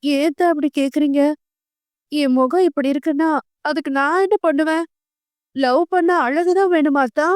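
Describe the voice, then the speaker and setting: A woman's voice: sits high, expressive, measured pace, no echo, studio quality. A woman voicing a pleading, lovestruck eighteen-year-old girl. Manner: pleading, innocent.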